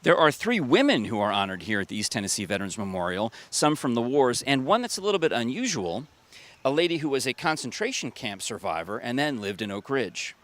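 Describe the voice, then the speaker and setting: Very animated and talking a little fast, a medium-pitched TV host with a somewhat bright tone guides viewers through a city park for a local feature in a cheerful, folksy style.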